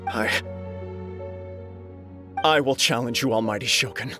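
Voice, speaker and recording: A man's voice: mid-range voice, a little slow, music in the background, lightly acted. A man playing an earnest young samurai clan heir in a video game, speaking formally and solemnly with remorse. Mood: resolute, pleading. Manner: formal, solemn, self-reproaching. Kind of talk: dramatic video game voice acting.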